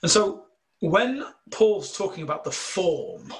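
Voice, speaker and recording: A man with a slight northern English accent, explaining scripture in a relaxed discussion, earnest and full of fillers. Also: high voice, takes it slowly. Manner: earnest, explanatory, thinking aloud with many fillers. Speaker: bible teacher. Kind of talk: casual theological discussion.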